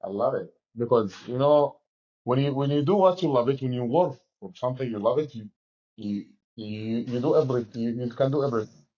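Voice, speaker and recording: Egyptian man in his forties, halting English. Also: medium pitch, mellow, muffled recording. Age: 40s. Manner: halting non-native English with many restarts. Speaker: fighter and MMA coach. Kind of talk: remote interview answers. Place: gym locker room.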